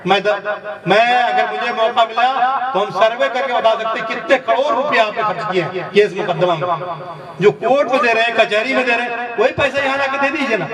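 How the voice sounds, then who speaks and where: A man preaching a sermon, impassioned and scolding, often chuckling between his points. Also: high-pitched. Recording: echoey and distant from the mic.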